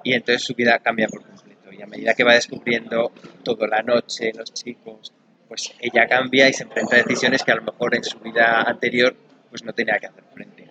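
A man's voice: medium pitch, level tone, a little fast, pushed and bright, lo-fi sound. A man from Madrid with a Madrid Spanish accent, a novelist guest who talks thoughtfully and enthusiastically about his book. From Madrid, Spain. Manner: thoughtful, enthusiastic, explains at length. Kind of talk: conversational interview.

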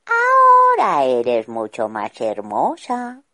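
Woman doing a gruff, mocking gnome king. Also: rumbling low, huge pitch swings, slow pace, pushed and bright, no echo, exaggerated voice.

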